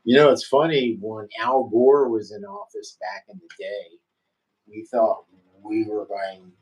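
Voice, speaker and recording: Man, middle-aged, low deep voice, unhurried, rambling casual stream chat, lots of fillers. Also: fairly even intonation, a little mellow, highs cut off. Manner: rambling and easygoing, many fillers and restarts. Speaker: livestream host and musician.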